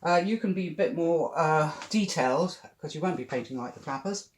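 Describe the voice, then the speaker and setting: A British art club tutor giving a relaxed acrylic painting demonstration, thinking aloud with chatty, cheerful asides. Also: medium pitch, brisk, noisy background.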